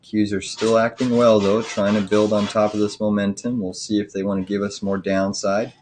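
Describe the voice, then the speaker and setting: Guy with a lowish voice casually calling the markets on a stream, bit of background noise. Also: little pitch movement, normal speed, darkish tone. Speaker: live trading stream host. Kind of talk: live market commentary, casual. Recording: faint noise, clicking and scratching behind. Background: cat scratching, clicking.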